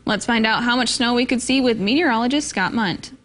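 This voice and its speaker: A female news anchor reading scripted local news in a crisp, measured way. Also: a little high, fairly bright tone.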